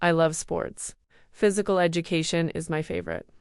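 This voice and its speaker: A woman's voice: on the low side, fairly even intonation, normal speed, darkish tone, clear, resonant tone, dry recording, clean studio sound, lightly acted. A woman voicing a cheerful little talking school robot in a storybook reading, with friendly, simple sentences.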